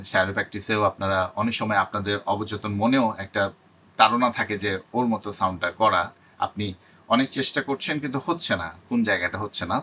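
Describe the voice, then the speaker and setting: A man giving an online spoken English lesson, explaining sounds in Bengali and repeating English example words slowly to drill them. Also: medium pitch, sharp tone. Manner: switches between Bengali and English.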